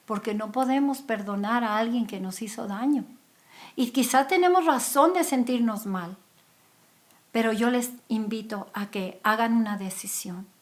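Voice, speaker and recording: A woman delivers a sermon in a church service. Her voice sits a little high, and she tells the parable with feeling, acting out the pleading and the anger of its characters. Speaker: preacher.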